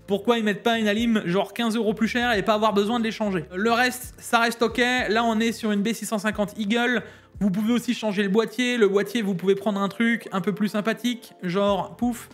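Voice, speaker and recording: Brief: high-voiced man from Alsace, chatty tech-deals host, faint music underneath. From Alsace, France. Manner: fast, chatty, slangy, laughs often. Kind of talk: casual deal rundown.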